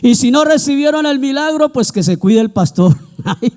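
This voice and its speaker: A man's voice: extremely high pitch, animated, moderate pace, darkish tone. A man preaching a sermon, acting out quoted voices as he talks. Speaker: pastor.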